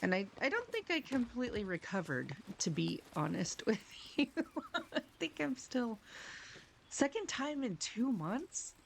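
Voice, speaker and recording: A woman's voice: a little high, sing-song, measured pace, gravelly, a little hiss or hum. A woman streaming games, chatting casually with her viewers in a friendly, apologetic, flustered ramble, slightly muffled on a close mic. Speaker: live game streamer, host. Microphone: microphone a few inches away.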